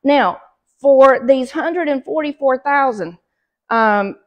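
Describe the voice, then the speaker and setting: A middle-aged Southern woman takes her time leading a Bible study at church, reading scripture before explaining it with fillers and pauses, her voice a little high. The audio is muffled, coming from a camera across a small fellowship hall.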